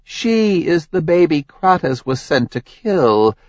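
A man's voice: a little high, very animated, slow pace, dry recording, voice pushed up, full character voice. A taunting goddess queen, voiced by a man. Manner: taunting, relentless, needling. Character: proud, scheming goddess queen, adult woman. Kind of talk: audiobook character voice. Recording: slightly dull, dry recording.

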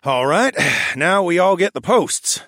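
A man voicing an eager, bossy male raccoon architect who gives brisk instructions. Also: high voice, animated, a bit bright, dry recording, studio quality, pitched above the performer's own voice.

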